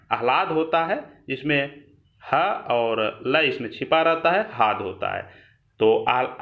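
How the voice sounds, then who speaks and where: A man teaching a grammar lesson for exam preparation, explaining patiently and stressing and repeating words. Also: fairly high pitch. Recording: echoey room, dull lo-fi sound.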